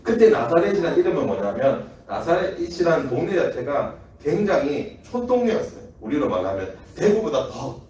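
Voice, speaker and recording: A man with a Gyeongsang accent tells a children's sermon, acting out the people in his stories and often laughing. His voice is mellow and swings widely in pitch. He is heard from a distance in a very echoey church hall. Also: moderate pace, hardly any pauses. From Daegu. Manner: lively, acts out quoted voices, laughs often. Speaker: children's ministry preacher.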